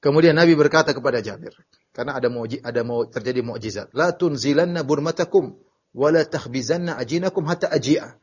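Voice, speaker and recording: Male religious teacher, lecture delivery, husky higher voice, animated storyteller who restarts phrases, dull lo-fi recording. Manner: animated storytelling with sudden emphatic bursts; frequent filler "ya" and halting restarts. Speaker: Islamic teacher.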